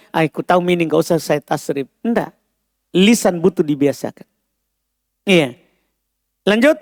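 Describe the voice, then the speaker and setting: A man from Indonesia with a high voice teaches an Arabic lesson in a classroom setting, explaining patiently and checking often whether his students understand. The recording is dry, with clean studio sound.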